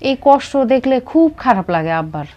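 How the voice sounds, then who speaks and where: A woman's voice: sits high, big pitch swings, a little fast, warm tone, lo-fi sound. An actress playing a caring eldest daughter in her young adult years, earnest and concerned about her father. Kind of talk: TV drama acting.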